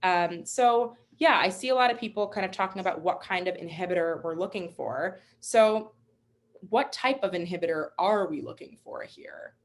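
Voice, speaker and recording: A woman's voice: lowish voice, normal speed. A young woman instructor teaching a live online webinar, upbeat and encouraging, chatty with fillers. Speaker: MCAT instructor.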